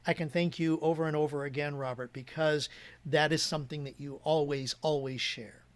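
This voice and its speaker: A man with a slightly raised pitch speaking as a podcast guest. He talks earnestly and at length, often restarting his sentences as he works through a thought. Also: fairly even intonation, normal speed. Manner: earnest and rambling, many restarts. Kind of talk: casual interview chat.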